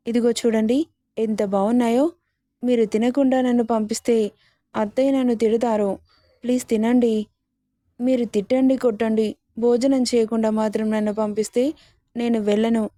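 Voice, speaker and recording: A stubborn fifteen-year-old bride from a storybook , voiced by a woman, pleading one moment and childishly defiant the next. Her voice is a little high and soft, recorded dry and close. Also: steady tone, normal speed, long pauses, dry recording, lightly acted.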